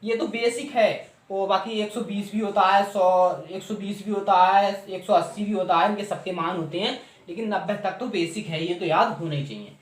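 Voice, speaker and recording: A man's voice: high voice, moderate pace. A man teaching mathematics in Hindi, walking through a table step by step, asking questions and answering them himself. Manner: asks and answers his own questions, repeats steps. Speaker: math teacher. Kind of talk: classroom explanation of a trig table. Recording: echoey room.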